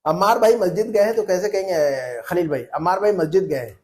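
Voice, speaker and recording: A man's voice: sits high, brisk, a little mellow. A male Arabic teacher running a spoken drill, patiently repeating phrases and prompting students by name. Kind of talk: classroom language drill.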